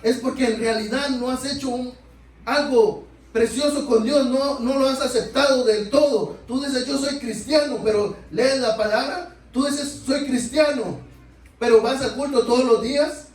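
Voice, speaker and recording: A man's voice: very high-pitched, fairly even intonation, moderate pace. A man preaching a sermon in a church, repeatedly calling out to his brothers and asking rhetorical questions. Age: adult. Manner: keeps addressing listeners as brothers, asks rhetorical questions. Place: church sanctuary. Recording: echoey church, mic far off.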